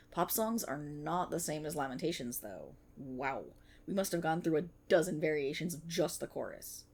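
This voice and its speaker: A woman with a mid-range voice voices a young banshee idol-in-training, excitable and earnest, chatting and teasing the listener in an ASMR-style roleplay.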